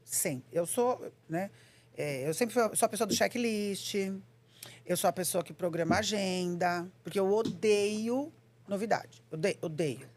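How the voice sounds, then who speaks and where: A woman's voice: mid-range voice, a little slow, slight background noise. A woman chatting casually on a podcast, telling stories and acting out the dialogue she quotes. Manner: animated storyteller, acts out quoted dialogue.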